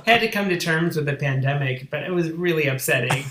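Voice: mid-range voice, fairly quick, noisy background. A podcast co-host in casual chat, joking and playful.

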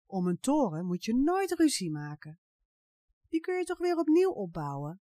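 A woman voicing a calm, sensible mother in a children's storybook, settling a quarrel soothingly. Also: a little high, moderate pace, dry recording, clean studio sound, voice pushed up.

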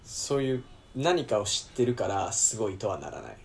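A man from the United States who speaks with a Kansai accent, chatting as a guest on a podcast. His pitch moves a lot as he explains things in a relaxed, plain way, over faint background noise. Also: a little fast, creaky. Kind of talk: casual chat.

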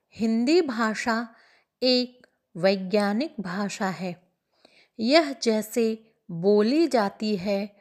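A woman teaching a grammar lesson to young pupils, speaking slowly and deliberately and addressing the children fondly. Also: mid-range voice. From India. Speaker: Hindi teacher.

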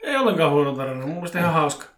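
A man's voice: fairly high pitch, big pitch swings, fairly bright tone. A man co-hosting a casual podcast, chatting and reading listener emails aloud with a dry, teasing manner. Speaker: podcast co-host. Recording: roomy echo.

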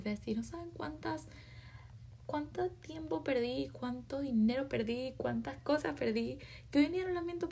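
A woman hosting a self-help podcast, talking emphatically with many rhetorical questions and slangy asides, often dropping into soft half-whispers. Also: a little high, husky. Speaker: podcast host. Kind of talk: motivational self-help monologue.

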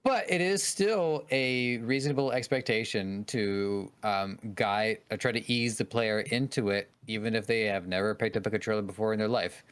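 Low-voiced man reasoning calmly. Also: smooth. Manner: measured, articulate reasoning. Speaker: podcast co-host. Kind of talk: casual chat.

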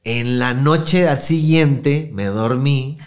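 A man's voice: mid-range voice, slow. A young Mexican man hosting a podcast, telling a story in slangy casual chat and acting out the voices he quotes. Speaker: podcast host.

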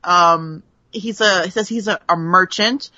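A podcast host with a fairly low voice speaks a little slowly, in a slightly muffled, dry recording with no room sound. She recaps an episode in casual, animated chat, laughing often as she tells it.

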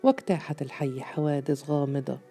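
Dark-voiced man narrating an audiobook. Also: a little high, a little fast, faint music behind. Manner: steady, formal storytelling.

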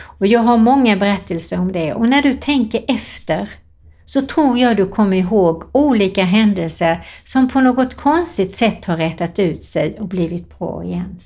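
A woman's voice: medium pitch, animated, darkish tone. A woman giving an earnest devotional talk, reading Bible passages and telling a personal story in a plain way. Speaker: lay preacher. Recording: dull lo-fi recording.

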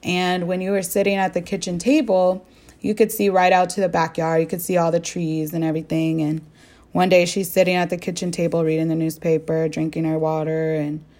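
Young woman, earnest faith podcast host, soft and warm, slightly low voice. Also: flat delivery, fairly quick. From American Southwest. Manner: earnest storytelling with direct questions to listeners. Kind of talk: faith-based reflective talk.

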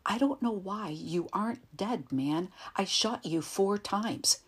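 A woman voicing a jumpy, shouting young gunman. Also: medium pitch, lively intonation, slow, slightly rough, voice pushed up. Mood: confused. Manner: shouting, nervous, confused. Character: agitated young male gunman, desperate and jumpy.

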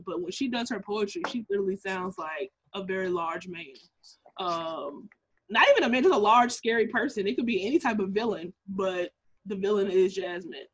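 A young woman co-hosting a podcast in casual chat, animated and laughing, often jumping into high-pitched impressions. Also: slightly rough. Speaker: podcast co-host. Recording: muffled lo-fi audio.

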